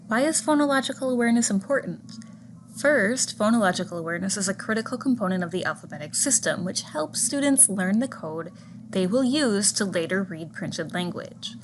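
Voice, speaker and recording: Woman reading out a lecture, steady and clear, slows way down on example words, some noise in the background. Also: mid-range voice, poor audio. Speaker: teacher educator. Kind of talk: scripted lecture narration.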